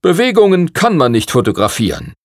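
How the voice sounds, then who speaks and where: A man's voice: huge pitch swings, a little fast, no echo, studio quality. A man voicing an older male prince who is impatient and pompous, lecturing in a stern tone. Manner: stern, lecturing, booming laugh.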